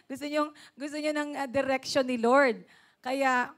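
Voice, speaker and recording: A woman preacher delivers a lively sermon, switching between Tagalog and English. Her voice sits a little high, and she laughs easily as she calls out to the congregation for responses. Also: slow pace. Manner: animated, laughing, calls for "Amen?" often.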